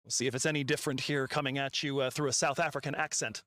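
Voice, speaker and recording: A man's voice: mid-range voice, fairly even intonation, fast, a bit bright, no echo, studio quality. A man calling cricket play-by-play, reading out stats with frequent "uh" fillers. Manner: calls the action, quotes stats, frequent fillers. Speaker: cricket commentator. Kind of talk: live play-by-play commentary.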